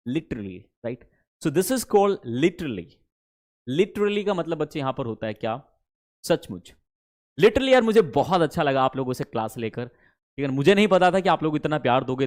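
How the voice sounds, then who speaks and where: Male teacher, higher-pitched, chatty, drills pronunciation, drawn-out lines. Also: a little mellow. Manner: addresses students fondly as kids, mixes Hindi and English; slows down and stretches English phrases. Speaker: English teacher. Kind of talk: online spoken-English class.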